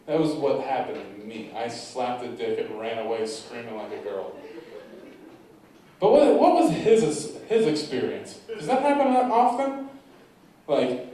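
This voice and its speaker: A man doing a stand-up comedy set on a theater stage, telling a story with animated delivery that bursts into loud stretches. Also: medium pitch, slight background noise. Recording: echoey room from far off.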